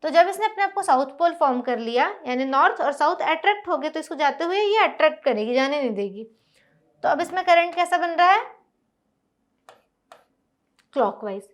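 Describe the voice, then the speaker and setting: A woman teaching a school science lesson, explaining step by step and often asking whether it is clear. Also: sits high, lively intonation, fairly quick. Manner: explains step by step, asks checking questions. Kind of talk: classroom lecture on a whiteboard.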